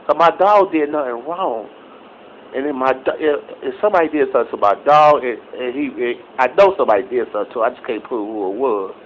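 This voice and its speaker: Middle-aged guy cussing and rambling into his phone, loud then muttering, bit muffled, faint hiss behind. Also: quick pace. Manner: profane, rambling, swings between loud outbursts and low mutters. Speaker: vlogger. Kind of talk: casual angry rant to camera. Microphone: phone camera. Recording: slightly dull phone recording.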